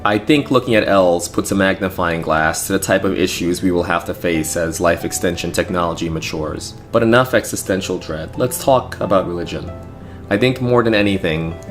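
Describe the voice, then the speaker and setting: A young adult man giving a scripted narration, measured and reflective. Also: sits low. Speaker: narrator and channel host.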